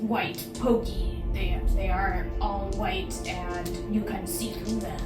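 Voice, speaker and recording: Here is a woman playing a giant, sleepy male iguana from a tabletop adventure, guarding his home and hungry for gold. The words come slow and halting in simple phrases. The sound is roomy and a little distant, with music clearly playing behind. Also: medium pitch, steady tone, lightly acted. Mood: grudging, explaining. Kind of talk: tabletop game character voice. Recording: echoey room, distant mic.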